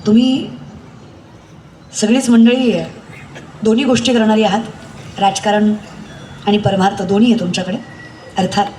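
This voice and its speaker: A woman's voice: steady tone, moderate pace, pauses often, darkish tone, slight background noise. A woman kirtan preacher, telling a story and scolding her audience in a devotional sermon. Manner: storytelling, scolding the audience, rising into high exhortation. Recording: echoey, distant mic with faint ambience.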